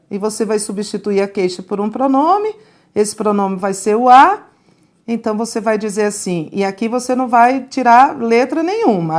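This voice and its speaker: Woman teacher, fairly high voice, slow and deliberate grammar lesson full of checking questions. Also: a little mellow. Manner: slow, deliberate, asks the class rhetorical questions.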